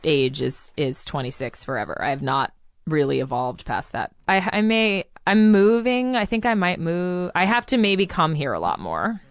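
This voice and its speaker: Guest author, woman in her thirties from New Mexico, lively pitch, dry studio sound, laughs a lot. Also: moderate pace, no room sound. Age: 30s. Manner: laughing, animated, self-mocking. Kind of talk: casual interview chat.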